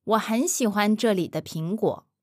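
A woman modeling answers in a language course, pronouncing each phrase slowly and carefully and often saying it twice. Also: medium pitch, no room sound, clean studio sound. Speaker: Mandarin speaker modeling answers. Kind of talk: slow repeated model answers.

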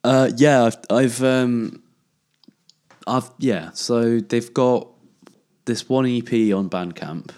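Slow, hesitant man host. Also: mid-range voice, a little mellow. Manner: hesitant, searching for words, many ums. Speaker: podcast host. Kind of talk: casual chat.

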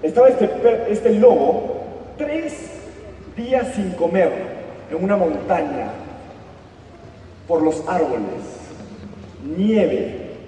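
A man's voice: high voice, sing-song, slight background noise. Man telling a fable in a ringing hall. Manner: slow, hushed storytelling. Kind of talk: storytelling motivational talk. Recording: echoey hall from far off.

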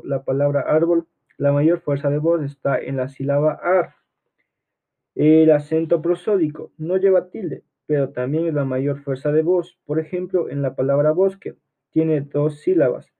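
Man explaining grammar over tinny audio. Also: a little high. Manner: slow, deliberate, stresses syllables in example words. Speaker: teacher.

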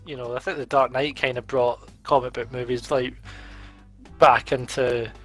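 A man chatting casually over a board game, telling an animated story, laughing often and swearing freely. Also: mid-range voice, normal speed, soft background music. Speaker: podcast co-host.

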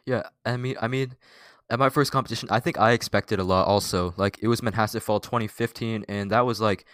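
A teenage boy hosting a casual podcast chat, talking haltingly with many fillers and restarts. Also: lowish voice, steady tone, a bit bright, no room sound. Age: teens. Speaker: podcast host.

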